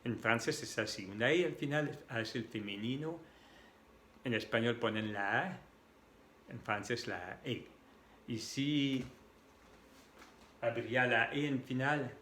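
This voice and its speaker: Male French tutor, native French speaker, slow and patient, mid-range voice, faint hiss behind. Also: mid-range voice, pushed and bright. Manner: slow, patient, repeats words and sounds aloud. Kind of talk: explaining pronunciation for beginners.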